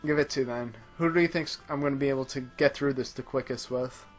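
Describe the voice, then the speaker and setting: A man hosts a gaming show, playing a video game and chatting casually while hesitating as he thinks aloud. He talks fast in a mid-range voice, with faint music in the background.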